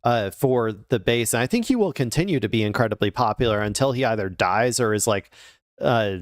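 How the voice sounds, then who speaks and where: A man's voice: medium pitch, expressive, fairly quick, no echo, clean studio sound. A man commenting casually on political news clips, rambling with frequent fillers and restarts.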